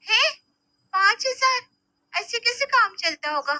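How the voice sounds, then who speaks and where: A woman voicing an outspoken young sister who speaks earnestly and with indignation in an animated story. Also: high-pitched, normal speed, pitched above the performer's own voice. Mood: indignant.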